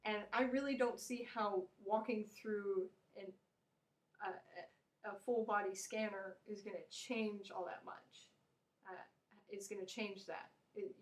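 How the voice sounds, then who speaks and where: Blunt American woman ranting casually. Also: rough recording. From United States. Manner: blunt, opinionated, rambling with restarts. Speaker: vlogger. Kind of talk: casual opinion rant to camera. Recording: low-volume home recording.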